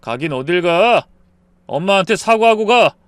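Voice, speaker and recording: A man's voice: high voice, expressive, moderate pace, dry recording, voice pushed down. A man doing a hot-tempered contemptuous husband. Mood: commanding. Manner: rough, contemptuous yelling. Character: hot-tempered husband siding with his mother.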